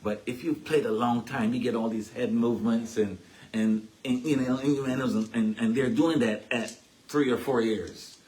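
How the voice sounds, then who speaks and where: A man's voice: mid-range voice, steady tone, moderate pace, a little mellow, poor audio. A man with a Caribbean accent giving a casual teaching talk at a spiritualist church, chatty and tagging his points with "right?". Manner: chatty, keeps asking "right?".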